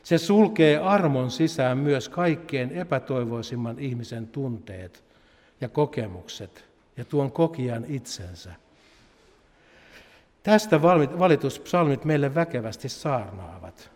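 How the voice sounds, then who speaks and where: A man preaching a sermon and reading a psalm aloud, solemn and measured, his phrases trailing off softly at the ends. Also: mid-range voice, animated, in a large hall.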